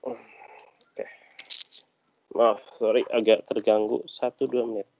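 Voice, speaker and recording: A man's voice: fairly low pitch, little pitch movement, takes it slowly, gravelly, a little mellow, highs cut off. A man teaching an online class while his call audio keeps breaking up. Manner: patient, asks class questions. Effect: choppy, breaking-up online call audio. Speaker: lecturer.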